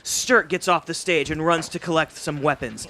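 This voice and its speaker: Man, narrator, live read-through, stage directions, bright tone. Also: a little high. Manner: brisk reading with small slips and restarts.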